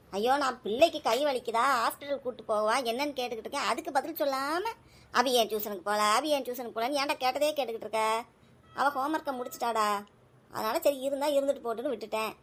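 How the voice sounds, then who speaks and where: A woman in her thirties, a mother talking with her child in a casual family vlog, brisk and scolding yet caring. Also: sits high.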